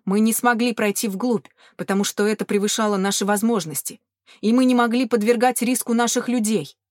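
A woman's voice: on the high side, brisk, darkish tone, no room sound, clean studio sound, close to an everyday voice. A woman voicing a male sergeant giving a formal report to his captain.

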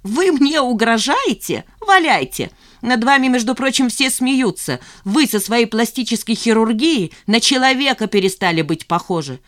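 A woman voicing a sharp-tongued, indignant office woman who scolds her coworkers. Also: a little high, lively intonation, normal speed, few pauses, voice pushed up, lightly acted. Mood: scolding indignant. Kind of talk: audiobook character voice.

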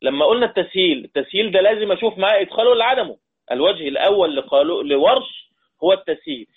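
Over a tinny, phone-like line, a man with an Egyptian Arabic accent teaches a recitation lesson in a high, animated, very fast voice with a breathy edge. He repeats his points, quizzes his listeners, and draws out the recited words.

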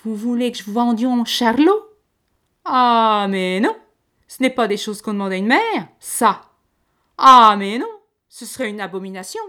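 A woman voicing an angry peasant mother who loudly refuses, in rustic speech. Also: fairly low pitch, expressive, a little slow. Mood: outraged. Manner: loud, indignant, rustic speech.

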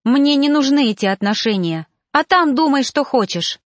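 Desperate young heroine, pleading and near tears, a touch higher , a woman reader doing her. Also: expressive, moderate pace, dry recording, studio quality.

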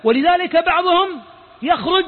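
A man's voice: very high voice, lively intonation, moderate pace. A man with a Saudi accent giving a colloquial mosque lesson as a sheikh, firing rhetorical questions at his listeners and acting out the people he quotes. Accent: Saudi Arabic. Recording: lo-fi phone-like audio with long reverb.

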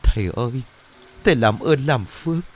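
A man voicing a desperate middle-aged woman who begs for help in a high, tearful voice. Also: expressive, normal speed. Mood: pleading tearful. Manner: tearful, pleading, high-pitched.

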